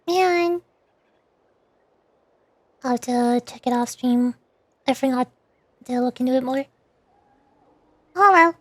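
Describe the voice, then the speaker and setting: This woman's voice sits high, with no echo, as she livestreams a game as a VTuber. She chats playfully, mutters to herself along the way, and reads the game's dialogue out loud.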